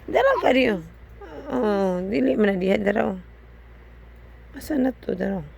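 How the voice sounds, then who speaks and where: A woman's voice: medium pitch, lively intonation, normal speed, creaky, darkish tone, slight background noise. A woman with a Cebuano accent filming a casual home vlog, coaxing her toddler and slipping in simple English words. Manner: coaxing, mixes English words in for a small child. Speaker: parent vlogger. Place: home room.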